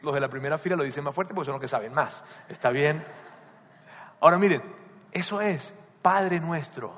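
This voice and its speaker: A man preaching a sermon in a conversational way, repeating key phrases and sometimes dropping to a soft hush. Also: on the high side, moderate pace, in a large hall, slight background noise. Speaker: pastor.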